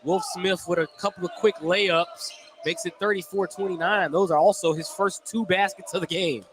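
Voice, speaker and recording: Inside a noisy basketball gym mid-game, the radio play-by-play comes from a man with a high voice, fairly even intonation, and a moderate pace. He calls the action in clipped, detailed phrases as balls bounce in the background.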